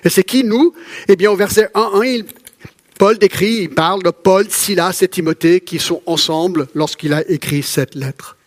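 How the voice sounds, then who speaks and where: A man preaching a sermon in a lively, conversational way, with asides to the congregation and repeated phrases. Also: high voice, normal speed.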